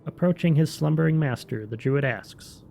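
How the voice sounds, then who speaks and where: A man's voice: a little high, moderate pace, vocal fry, dark tone, a little hiss or hum. A man narrating scripted fantasy game lore as a storyteller.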